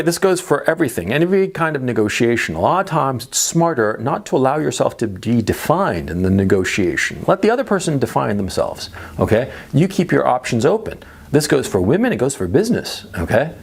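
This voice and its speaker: Gravelly with a breathy edge, his mid-range voice moves briskly in a sing-song way. A middle-aged man and native Spanish speaker, he coaches on dating in a monologue, asking rhetorical questions, repeating himself for emphasis, and tagging lines with "right?" and "okay?"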